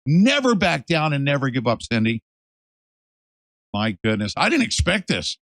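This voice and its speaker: Animated gravelly-voiced male host. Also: mid-range voice, moderate pace, no echo. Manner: animated, emphatic, swings from loud to hushed. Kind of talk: casual interview talk.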